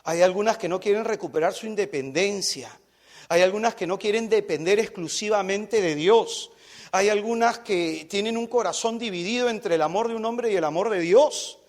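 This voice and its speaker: High-voiced man preaching a lively sermon. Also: moderate pace. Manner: animated storytelling, acts out voices.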